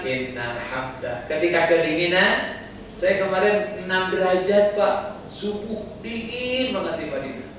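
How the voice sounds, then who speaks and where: A man, a cleric, giving conversational, joking religious instruction to pilgrims. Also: a little high. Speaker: umrah guide and cleric. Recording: echoey hall, distant mic, faint hiss.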